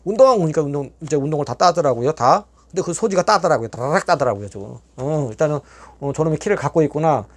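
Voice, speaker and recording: Middle-aged male storyteller, quick and animated, acts out dialogue, salty language. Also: on the high side. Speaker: YouTube storyteller. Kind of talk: casual storytelling.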